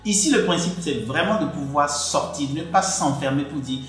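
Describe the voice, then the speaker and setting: A man's voice: moderate pace, a bit bright. A man from Benin, earnestly coaching the listener on relationships in a direct-to-camera talk. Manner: earnest, addresses the listener directly, emphatic pitch jumps. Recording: very echoey room with faint music.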